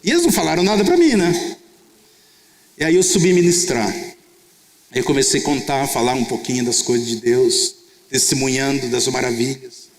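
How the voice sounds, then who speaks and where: A man's voice: mid-range voice, expressive, normal speed, long pauses. A man preaching a testimony sermon as a pastor, telling the story and acting out both sides of the conversations. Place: conference church hall. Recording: echoey hall sound.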